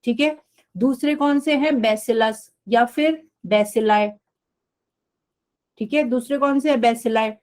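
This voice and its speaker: A woman's voice: fairly high pitch, slow, pauses often, a little mellow. Hindi-speaking woman teaching biology online. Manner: repetitive, checks in with students often. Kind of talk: live online class.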